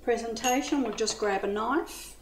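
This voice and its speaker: A middle-aged Australian woman with a voice on the high side chats enthusiastically at a moderate pace while demonstrating a dessert recipe in her home kitchen, calling her viewers "ladies." The recording has an echoey kitchen sound with a little background noise.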